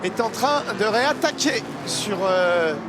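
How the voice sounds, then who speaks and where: A man's voice: high voice, expressive, unhurried. A man giving live motorsport race commentary, calling the action as a commentator does. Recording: loud engine and trackside noise.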